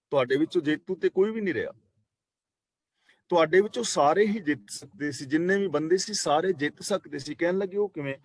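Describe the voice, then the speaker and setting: A man's voice: a little high, slightly rough, no room sound. A man teaching a scripture class over an online call, explaining verses line by line with parables and repetition. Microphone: online meeting call.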